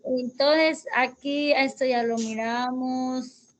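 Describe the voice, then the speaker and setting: A woman's voice: high-pitched, fairly even intonation, takes it slowly, a little hiss or hum, low-quality recording. A woman teaching English grammar over a video call, explaining patiently step by step. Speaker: English tutor.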